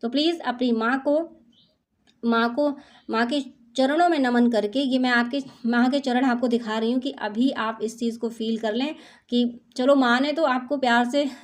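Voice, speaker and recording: A woman's voice: on the high side, fairly even intonation, moderate pace. A woman doing an intuitive spiritual reading for her viewers, talking in a soothing, motherly, reassuring way. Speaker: spiritual card reader.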